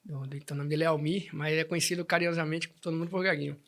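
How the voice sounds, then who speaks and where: Man telling his story, voice on the high side. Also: steady tone, rapid-fire. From Salvador, Bahia, Brazil. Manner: warm storytelling with many restarts and tags like "né?". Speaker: guest, band president. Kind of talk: casual interview chat.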